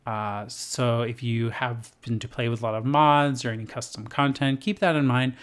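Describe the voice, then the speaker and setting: A man's voice: mid-range voice, steady tone, normal speed, smooth. A man narrating his own game build in a casual, rambling voice-over, full of fillers and self-deprecating asides.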